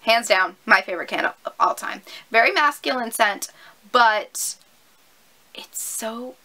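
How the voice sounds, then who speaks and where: A woman's voice: on the high side, lively intonation, a little slow, vocal fry, sharp tone, poor audio. A woman of twenty-one, chatty and upbeat, answering viewer questions in a casual vlog filmed at home on a camera mic. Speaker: YouTuber.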